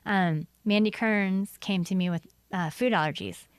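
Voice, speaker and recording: A woman's voice: medium pitch, a little slow, clean tone, no room sound. A woman guest on a podcast, talking about her work in a bubbly, enthusiastic, chatty way. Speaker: guest filmmaker. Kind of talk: casual interview chat.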